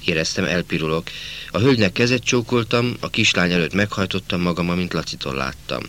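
Deep-voiced man reading a novel. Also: fairly bright tone. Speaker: audiobook reader. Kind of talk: first-person audiobook narration.

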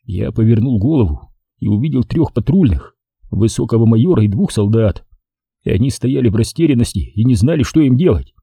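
A man narrating a first-person story as an audiobook, in a measured storytelling manner. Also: mid-range voice, lively intonation, mellow, husky, no room sound, studio quality.

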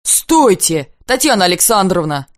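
A woman reading aloud, voicing an excitable young male painter who exclaims in frantic rapture, close to tears. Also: mid-range voice, normal speed, dry recording, close to an everyday voice. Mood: frantic, rapturous.

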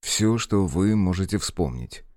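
A careful young investigator, as a deep-voiced narrator puts him on, asking questions calmly and politely in an audiobook. The voice is low and dry. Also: male voice, dry recording. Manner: calm, measured, polite.

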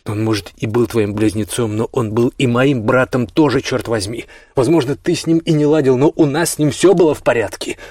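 A man voicing an angry, grieving young man who shouts bitterly at his brother. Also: lowish voice, fairly even intonation, normal speed, few pauses, dry recording, studio quality, close to an everyday voice. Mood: furious.

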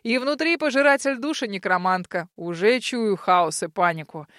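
A woman's voice: medium pitch, normal speed, fairly bright tone, dry recording, clean studio sound, lightly acted. A woman voicing a sarcastic, mischief-loving horned man in a storybook, drawling and mocking.

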